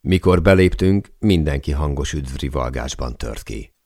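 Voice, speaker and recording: A man reading a first-person memoir aloud as an audiobook narrator, in a measured, deliberate way. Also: very deep voice, expressive, darkish tone, no room sound, studio quality.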